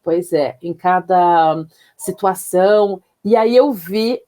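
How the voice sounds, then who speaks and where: Taking it slowly in a low, dark voice, a middle-aged woman who is a physician shares her personal story in an interview. Her manner is reflective and emotional, full of tag questions.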